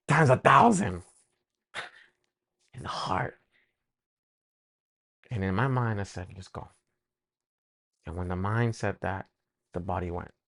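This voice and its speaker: Man, personal testimony, emotional, halting, repeats himself, low voice, dry sound. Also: fairly bright tone, no room sound. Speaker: testimony speaker.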